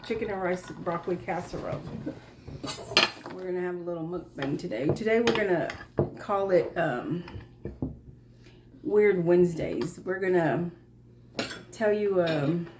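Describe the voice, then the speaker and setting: A woman with a lowish voice chats loosely to a camera set on a kitchen table. Loud clinking dishes and cutlery clatter right over her words. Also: measured pace, long pauses, very noisy. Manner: relaxed, rambling with fillers, Southern phrasing. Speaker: vlog host. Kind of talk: casual mukbang chat.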